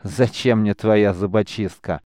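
A man's voice: on the low side, steady tone, unhurried, warm tone, no echo, studio quality, lightly acted. A man reading an audiobook, voicing an arrogant veteran warrior captain who mocks and taunts. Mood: taunting. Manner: mocking, swaggering. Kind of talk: audiobook character voice.

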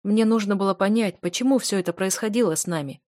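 A woman's voice: mid-range voice, fast talker, darkish tone, dry recording, clean studio sound, close to an everyday voice. A woman reading an audiobook and voicing a husband confessing in an earnest, serious way. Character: grown man, husband, guilty and earnest.

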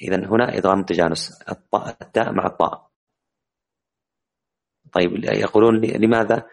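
A man teaching the rules of Quran recitation in an online class, explaining with many hesitant, drawn-out fillers. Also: lowish voice, fairly even intonation, vocal fry.

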